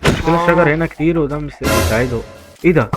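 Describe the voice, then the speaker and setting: Fast-talking Egyptian man commenting on gameplay. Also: on the high side, loud music behind the voice. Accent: Egyptian Arabic. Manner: chatty, talks to viewers, repeats himself. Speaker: gaming YouTuber.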